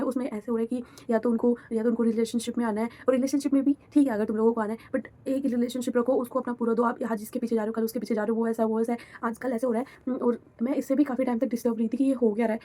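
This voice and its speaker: A woman's voice: on the high side, dark tone. A young woman vlogger who talks bluntly and frankly in a candid personal monologue, switching between Hindi and English.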